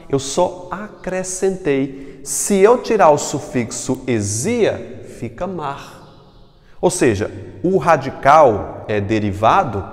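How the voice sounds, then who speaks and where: A man from Brazil, a Portuguese teacher, giving a recorded class, lively, asking and answering his own questions. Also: a little high, long reverb tail.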